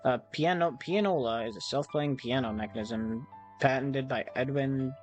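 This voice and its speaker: An amateur gamer reads a visual novel aloud at a medium pitch and moderate pace, performing it in a theatrical, storybook style. Casual asides break into the expressive scripted narration, and soft music plays underneath.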